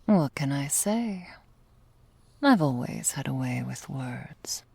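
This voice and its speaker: In this soft, breathy ASMR roleplay, a woman speaks right at a dry close mic as a sleepy, possessive, affectionate vampire lover of ancient age. Her pitch is extremely low yet lively in intonation, slow and exaggerated, with no echo. She teases wryly in languid, old-fashioned, formal language.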